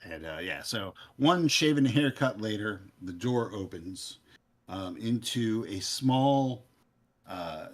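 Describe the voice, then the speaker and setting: A man narrating a tabletop game as game master, halting as he searches for words. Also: fairly low pitch, lively intonation.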